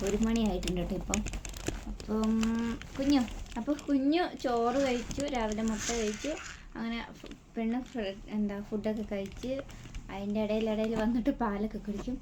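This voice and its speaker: Malayali mom vlogging, high voice, sing-song baby talk, faint noise around her. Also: moderate pace. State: toothache. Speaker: vlogger mother. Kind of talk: family vlog, talking to baby and viewers.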